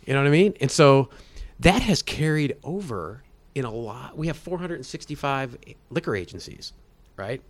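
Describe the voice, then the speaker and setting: A man's voice: mid-range voice, lively intonation, moderate pace. A man in his mid-fifties, a guest in a casual interview. He explains things at length in a rambling way, often breaking off and restarting his sentences. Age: 50s. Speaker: guest, state agency head.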